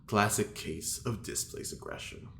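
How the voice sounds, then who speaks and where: In an audio drama diary monologue, a prim, self-important male prisoner gossips and schemes while feigning innocence. His low, creaky voice is unhurried, analytical, affected, fussy and theatrical, in an echoing room with faint background noise.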